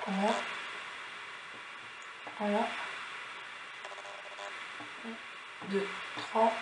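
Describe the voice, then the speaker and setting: A man with a cold, sniffling as he explains a drawing tutorial step by step and counts squares aloud with lots of fillers. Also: high voice. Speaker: tutorial host. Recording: echoey room with background noise.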